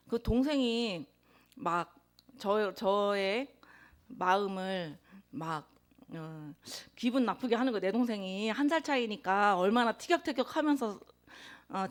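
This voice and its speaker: A woman preaching a sermon, telling a personal confession in an earnest tone with emphatic swells of loudness. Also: medium pitch. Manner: introverted by her own account.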